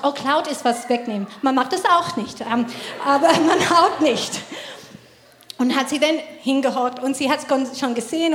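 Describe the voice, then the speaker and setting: A woman telling a parenting story in a casual faith talk, lively and laughing often, her German grammar slightly broken. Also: high voice. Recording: roomy echo.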